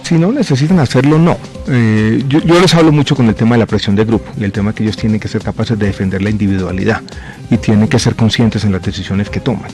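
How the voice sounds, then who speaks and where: A man in his forties answers questions on a radio broadcast. His voice sits low and he speaks in a measured, reflective way, pausing often and filling gaps with small hesitations. Faint music plays under the broadcast. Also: a little mellow. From born in Chile, raised in Colombia. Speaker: guest, health minister.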